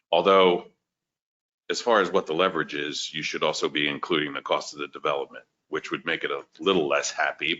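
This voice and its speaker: A man with a very deep yet bright, forceful voice speaks in a measured way with dry humor. The audio is dull, like a video call. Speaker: meeting participant. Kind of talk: casual meeting discussion.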